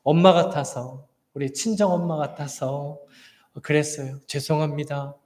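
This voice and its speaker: A man's voice: a little high, fairly even intonation, unhurried, a little mellow, lightly acted. A man voicing an overwhelmed young mother who speaks in a pleading, shaky way. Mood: tearful. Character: tearful young woman, overwhelmed new mother. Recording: long church hall reverb.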